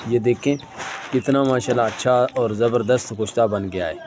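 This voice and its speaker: A man's voice: mid-range voice, moderate pace, a little mellow, a little hiss or hum. A man with a Punjabi-influenced Urdu accent, giving a casual hands-on herbal remedy demonstration and addressing viewers as brother. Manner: casual, keeps saying "lo ji" and "bhaijaan". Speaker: herbal medicine practitioner.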